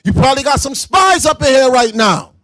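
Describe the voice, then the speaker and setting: A man teaching scripture to a class, loud and confrontational, breaking into shouts and explaining verses in everyday slang. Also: very high-pitched, lively intonation, brisk, no room sound. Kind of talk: street-style preaching commentary.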